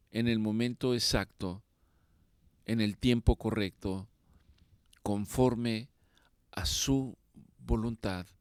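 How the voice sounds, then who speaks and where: A male preacher delivering a sermon at a slow, measured pace. His voice sits at an ordinary pitch and swells into fervent, pleading prayer. The sound is dry and close, with no room echo. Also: clear, resonant tone.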